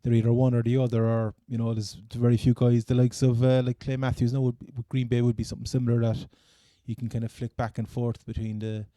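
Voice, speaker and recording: A male sports co-host from Cork, Ireland, chats casually about American football in a dark, relaxed, mid-range voice. He rambles, stammers, and keeps repeating phrases, and the recording is dry and close.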